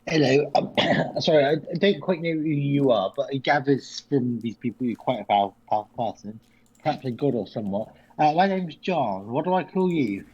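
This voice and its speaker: A man's voice: medium pitch, fairly quick, a little mellow, slightly rough, dull audio, lightly acted. A man with a British accent playing a humble, awkward mortal adventurer in a tabletop game, rambling, apologetic and polite. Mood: flustered, starstruck. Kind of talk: tabletop role-play.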